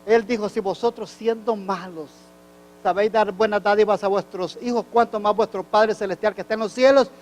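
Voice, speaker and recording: A man preaching a sermon with fervor, swinging between loud exclamations and quiet, confessional storytelling. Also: high voice, fairly even intonation, brisk.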